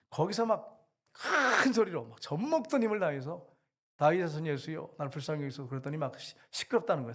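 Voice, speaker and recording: A man delivers a sermon from the pulpit with a slightly raised pitch. He speaks earnestly and stresses key words, often retelling scripture scenes with vivid emphasis. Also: husky. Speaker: pastor.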